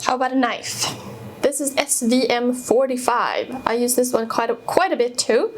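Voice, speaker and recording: Lady chatting through a workshop demo, kinda high voice, lots of ums and restarts. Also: moderate pace, slight background noise. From Sweden. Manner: chatty, explains step by step with fillers and restarts. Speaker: woodworking video host. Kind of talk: casual tool demonstration. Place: home woodworking workshop.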